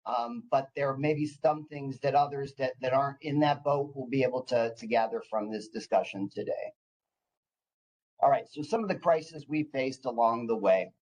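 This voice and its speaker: A man's voice: mid-range voice, normal speed, a little mellow, dull audio. Man, mid-range voice, informal work presentation, eager and caffeinated, hesitant restarts. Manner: enthusiastic, psyched. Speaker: clinical department director presenting.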